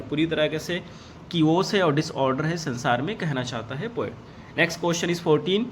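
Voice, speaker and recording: A man teaching an exam-prep lesson, reading each question slowly and then explaining the answer in Hindi. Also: on the high side, a little hiss or hum.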